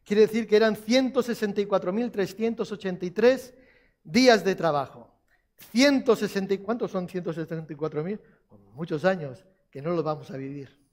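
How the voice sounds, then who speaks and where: A man's voice: high-pitched, moderate pace. A man preaching a sermon, repeating key phrases for emphasis and putting questions to the congregation.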